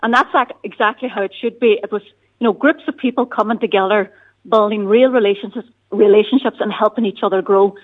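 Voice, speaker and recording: A woman's voice: medium pitch, a little fast. A woman with a Donegal Irish accent answering as a radio interview guest, often dropping in "you know" and "look". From County Donegal, Ireland. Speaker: bank territory manager, interview guest. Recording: tinny phone-line sound.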